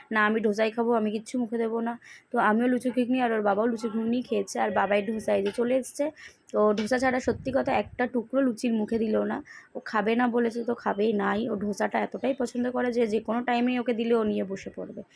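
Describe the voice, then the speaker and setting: A woman's voice: fairly high pitch, vocal fry, a little mellow. A woman narrating a casual travel vlog into her phone camera, chatting straight to her viewers. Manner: chatty, addresses viewers directly. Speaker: vlogger. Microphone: phone camera, selfie and back camera.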